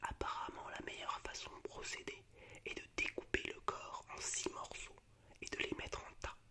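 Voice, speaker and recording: In an unhurried, somewhat tentative manner, a man breathes out lines from film monologues as an ASMR host. His whisper is fully unvoiced and breathy.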